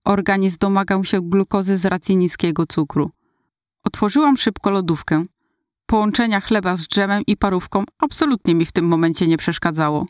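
A woman narrating a first-person story in a calm, confiding way. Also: medium pitch, fairly quick, no echo, studio quality. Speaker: audiobook narrator.

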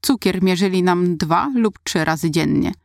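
A woman narrating her own memoir in the first person, in a measured, reflective way. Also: on the low side, creaky, no echo, clean studio sound.

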